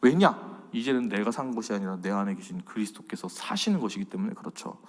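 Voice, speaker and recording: A man in his thirties preaching a faith lecture as a pastor, animated, swinging between loud and soft. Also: on the low side, fast, long reverb tail. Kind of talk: sermon-style faith lecture.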